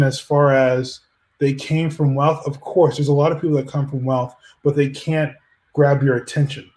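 A podcast co-host rambles through a casual chat, arguing his point and restarting his sentences again and again. His voice is medium-pitched and a little mellow.

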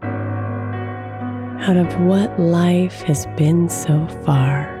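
A woman host speaking a slow, soft guided meditation prayer, some lines near a whisper. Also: fairly low pitch. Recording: music bed under the voice. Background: soft new-age guitar music.

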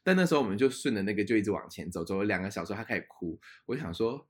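A young man co-hosting a podcast, telling a travel story in a lively way, laughing often and dropping in English words. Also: on the low side, racing. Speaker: podcast co-host. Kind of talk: casual chat, storytelling.

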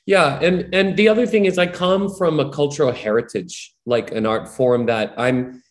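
Speaking at normal speed with a voice on the high side, a Hawaiian musician guest reflects on his story casually. He rambles earnestly, peppering his talk with plenty of "you know"s.

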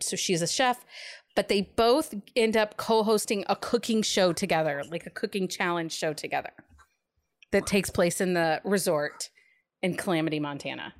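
A woman co-hosting a casual book chat among friends, gushing with enthusiasm as she recommends her favorite reads. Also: medium pitch. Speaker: podcast co-host pitching a book pick.

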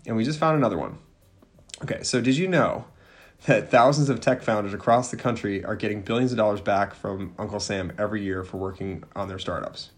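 A man hosting a podcast, reading announcements and sponsor messages in an upbeat, promotional way. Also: fairly low pitch. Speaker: podcast host.

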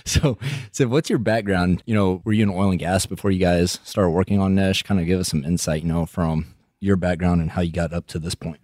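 A man's voice: low-pitched, fairly even intonation, a little fast, darkish tone, no room sound, clean studio sound. A man from West Texas with a West Texas accent, hosting an interview as a casual, blunt, informal chat. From West Texas, United States. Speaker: interview host.

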